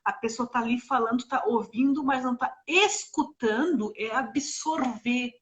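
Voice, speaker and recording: A middle-aged woman co-hosting a parenting live stream, explaining ideas in an animated, casual way with many examples and asides. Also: a little high, measured pace, lo-fi sound.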